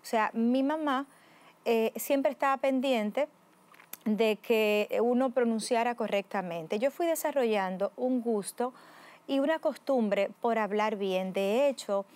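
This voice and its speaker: A woman's voice: fairly high pitch, slow. A woman from the Dominican Republic with a Dominican accent, a preacher and host, speaking articulately and expressively as an interview guest. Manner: articulate, expressive, laughs easily.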